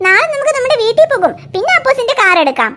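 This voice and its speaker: A woman's voice: very high-pitched, very animated, very fast, heavy background noise. A woman voicing a young cartoon mother who coaxes and soothes her crying toddler in a fretful, sing-song way. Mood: coaxing. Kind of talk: cartoon dialogue.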